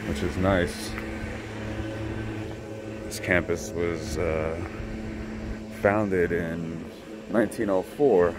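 A deep-voiced man narrates very slowly, pausing often, while filming a walkthrough on a handheld camera with noise all around. His relaxed commentary takes in the outdoor campus, a building's interior and its rooftop greenhouse.

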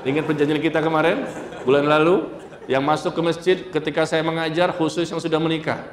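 A male preacher tells stories and jokes with his congregation, and his voice jumps now and then to sudden high exclamations. He speaks a little higher than most men. His voice rings through a large mosque hall with a long reverb and faint room hum. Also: steady tone, fairly quick. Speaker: Islamic preacher. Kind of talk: lively sermon to a congregation. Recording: echoey hall from far off.

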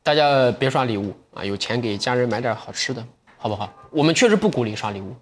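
A man's voice: mid-range voice, quick pace, slight background noise. A young man hosting a livestream from an indoor studio, chatting to viewers, selling goods and talking about a book. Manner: lively, talks straight to viewers. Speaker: livestream sales host.

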